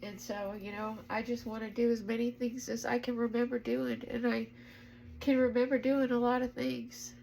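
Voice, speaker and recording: A woman shares a heartfelt spiritual message in a vlog, her voice somewhat high and gravelly. She speaks with emotion and earnest urgency, pressing her listeners to act. A faint hum sits behind her. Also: flat delivery, normal speed, mellow, poor audio. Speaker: spiritual vlogger.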